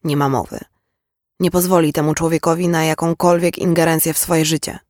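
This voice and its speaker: A man narrating a novel as an audiobook, with a steady, even storytelling manner. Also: a little high, brisk, dry recording, studio quality. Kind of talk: scripted narration.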